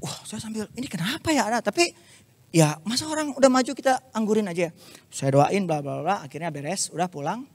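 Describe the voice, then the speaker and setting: High-voiced man preaching a story. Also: fairly quick. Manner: lively and confessional, mixing in English phrases. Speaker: youth preacher. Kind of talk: storytelling sermon.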